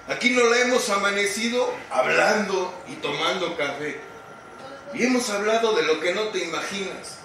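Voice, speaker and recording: A man's voice: high-pitched, sharp tone. A Mexican man telling his recovery story at a group meeting, slangy and profane, acting out what people said. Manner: colloquial, profane, storytelling with acted quotes. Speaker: speaker sharing recovery testimony. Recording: echoey hall from far off, noisy.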